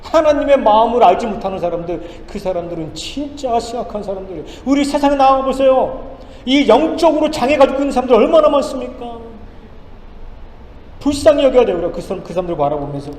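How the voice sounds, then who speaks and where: A male pastor preaching a sermon, firing off rhetorical questions and swinging between loud and hushed lines. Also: very high voice, animated, quick pace, a little hiss or hum. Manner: emphatic, rhetorical questions, dramatic swings in loudness. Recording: echoey church hall with faint ambience.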